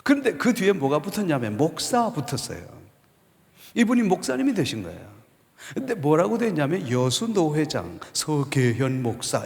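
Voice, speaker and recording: A man in his fifties, a pastor, giving an animated storytelling sermon testimony in a church. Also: high-pitched, vocal fry. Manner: animated storytelling, acts out quoted voices. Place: church sanctuary. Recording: long church hall reverb.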